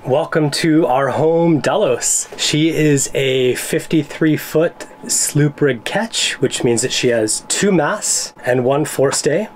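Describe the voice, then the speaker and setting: An American sailing vlogger from Arizona, who owns the boat, gives a tour while explaining things in a relaxed, easygoing way. His voice is mid-range, with a little hiss or hum in the background.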